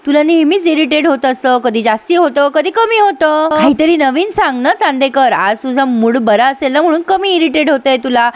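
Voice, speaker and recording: A woman reading the lines of a quick-tempered young woman in a TV serial recap, scolding and arguing. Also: high voice, expressive. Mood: retorting. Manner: scolding, argumentative. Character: young woman, sharp-tongued, quick to anger.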